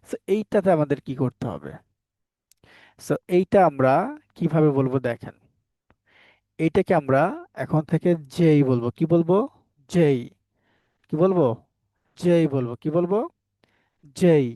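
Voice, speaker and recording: Male teacher on a headset, slightly high, warm and dry, quizzing the class over and over. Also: no room sound. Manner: drills the class with repeated call-and-response questions. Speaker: English teacher. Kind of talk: online class teaching pronunciation.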